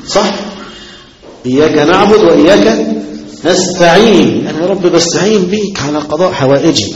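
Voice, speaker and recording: A man with an Egyptian accent, a sheikh giving a religious lesson, animated and often asking rhetorical questions before he answers them. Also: fairly high pitch, long reverb tail, rough recording. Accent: Egyptian Arabic. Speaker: sheikh teaching a hadith book.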